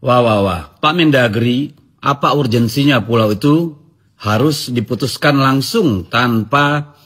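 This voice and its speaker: A man's voice: medium pitch, measured pace, fairly bright tone, slightly rough. A man giving commentary, posing rhetorical questions.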